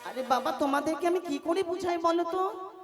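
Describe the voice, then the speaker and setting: Woman doing an aging queen in a folk play, very high, shrill voice with a lilting, half-sung way of pleading, and music playing under her lines throughout. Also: normal speed. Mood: exasperated. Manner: pleading, sing-song delivery. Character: aging queen longing to be a mother. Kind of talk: folk stage drama acting.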